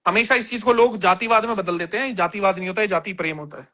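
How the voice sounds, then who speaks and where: A man's voice: sits high, fast, sharp tone. A man on a casual livestream, reading viewer comments aloud and answering them bluntly with plenty of slang.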